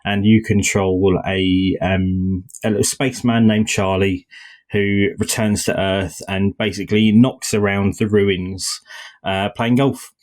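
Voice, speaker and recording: A man's voice: fairly low pitch, flat delivery, unhurried, a little mellow. A man, co-hosting a casual podcast and reviewing an indie game in a jokey, rambling way with many fillers. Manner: jokey, playful, lots of fillers and restarts.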